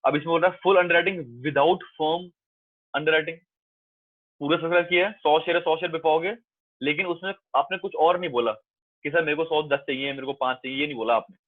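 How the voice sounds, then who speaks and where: A man's voice: a little high, fairly even intonation, fairly quick, no room sound. Man, commerce teacher, coaxing lecture, repeats points, dry close sound. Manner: coaxing, calls students 'beta', reassuring and repetitive. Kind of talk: classroom lecture. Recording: dry, tinny phone-like sound.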